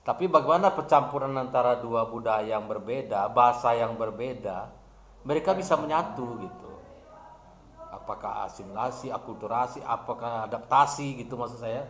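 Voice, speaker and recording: A man's voice: medium pitch, normal speed, a bit bright, roomy sound. A man acting as an academic supervisor, questioning a student about her research in long, rambling, searching questions with many restarts. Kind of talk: probing academic discussion.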